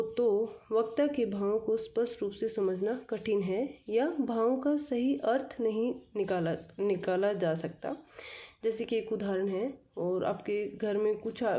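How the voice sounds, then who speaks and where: A woman's voice: mid-range voice, dark tone. A woman, explaining a school lesson, patiently repeating and rephrasing each point. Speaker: teacher.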